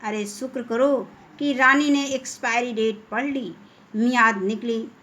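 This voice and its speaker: A woman's voice: fairly high pitch, steady tone, unhurried, fairly bright tone. A woman voicing a protective village father who grows firm and scolding. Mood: angry. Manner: firm, scolding toward the shopkeeper.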